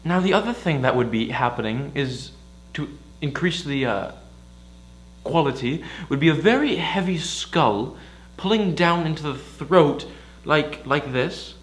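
A man plays a voice coach in a mock documentary and explains each step earnestly. He talks slowly, and his pitch rises and falls a lot. The recording sounds roomy, with a faint hum underneath. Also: animated.

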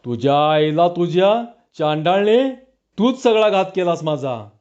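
A timid village husband forcing out strained, angry shouts while he is frightened, as a storyteller acts him out. His voice sits a little lower than the narration, and the dull lo-fi sound takes the edge off it. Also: expressive, a little slow. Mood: forced anger.

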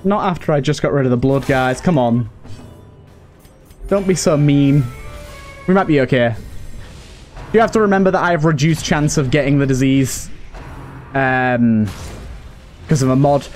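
A mid-range, darkish voice at moderate pace, broken by long pauses, belongs to a man hosting a let's play. He chats to the characters and thinks aloud in casual live commentary, game music audible behind.

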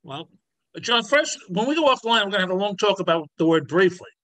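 Bright, high-voiced easygoing man. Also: animated, brisk, dry recording. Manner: easygoing, frequent "you know". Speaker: guest, former police officer. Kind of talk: casual chat.

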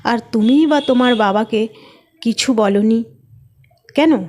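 A woman voicing a guarded young husband who speaks in a calm, measured way in a read-aloud story. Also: on the high side.

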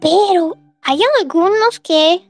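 Giggly high-voiced woman streamer chatting. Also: takes it slowly, no room sound, soft background music. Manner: giggly and rambling, laughs often between phrases. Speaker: streamer hosting a live audio chat. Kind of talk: casual chat to listeners.

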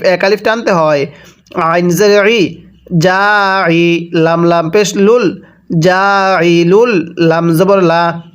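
A man with a Bangladeshi Bengali accent teaching Quran reading, spelling out each syllable and then chanting the joined words slowly. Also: sits high, clear, resonant tone. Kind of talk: slow spelled-out recitation lesson.

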